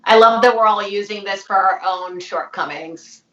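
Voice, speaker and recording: A woman's voice: medium pitch, moderate pace, fairly bright tone. Female guest, reflective, off-mic with echo. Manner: thoughtful, searching for words. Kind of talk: casual chat. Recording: roomy, distant, dull audio.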